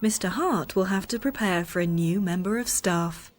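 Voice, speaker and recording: A woman narrating a documentary series in an even, informative, scripted way. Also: mid-range voice, moderate pace, slight background noise. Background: music.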